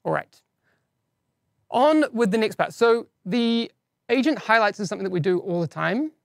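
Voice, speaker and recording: A man's voice: high-pitched, expressive, normal speed, gravelly, no room sound, studio quality. A man with a non-standard English accent hosting a live game-news stream, giving casual updates with chatty, self-deprecating asides. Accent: non-standard English accent, teased by viewers.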